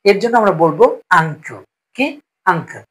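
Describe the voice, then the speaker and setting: A very animated man with a high-sitting, somewhat bright voice leads a spoken English lesson over poor audio. Patient and slow, he repeats phrases and regularly asks "ঠিক আছе?" to make sure students follow.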